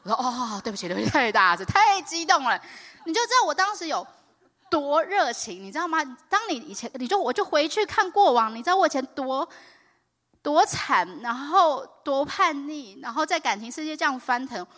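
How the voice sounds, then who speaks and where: Animated woman preaching in a reverberant hall. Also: brisk. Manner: excitable, swings to loud high exclamations. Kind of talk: animated sermon testimony.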